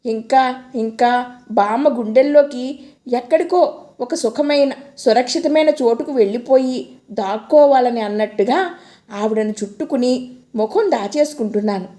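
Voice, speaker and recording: A woman narrating a romantic novel as an audiobook, telling it in the first person with expressive storytelling. Her voice sits high, with a mellow, soft tone. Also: moderate pace.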